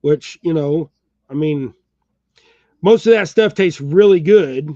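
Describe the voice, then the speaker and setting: A middle-aged man with a slight Texas-tinged American accent rambles along in easy, chuckling chat, speaking to his viewers by name. His voice sits a little high for a man. The recording is dry and a bit muffled. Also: takes it slowly, warm tone, no room sound. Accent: Texas-tinged American, says y'all. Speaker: channel host. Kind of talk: casual chat while tying jigs. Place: home workshop.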